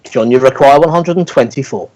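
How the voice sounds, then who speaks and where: A man calls a darts match as referee. He delivers scores and required checkouts in set, formal phrases, at a middling pitch. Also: a little fast, darkish tone, rough recording.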